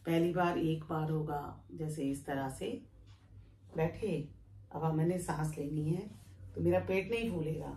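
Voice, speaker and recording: A woman yoga teacher giving a calm, step-by-step breathing lesson while she demonstrates it. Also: low voice, a little slow. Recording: echoey room with faint background noise.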